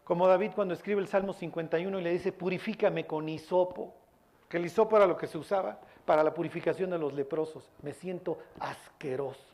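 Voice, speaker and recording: A man preaching a sermon, telling stories in an animated way and acting out the quotes. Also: sits high, rapid-fire, hardly any pauses.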